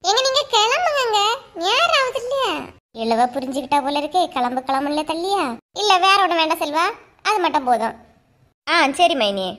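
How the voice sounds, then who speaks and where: A woman with a Kanyakumari Tamil accent who voices every character in a cartoon story, in lively village banter full of teasing asides. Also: sits high.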